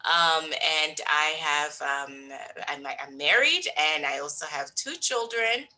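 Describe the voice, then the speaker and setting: A public health director from Niger speaks on a panel in a hesitant way, full of fillers. Her voice is very low yet bright and forceful. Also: expressive, slow, poor audio. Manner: hesitant, many fillers and restarts. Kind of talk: panel introduction.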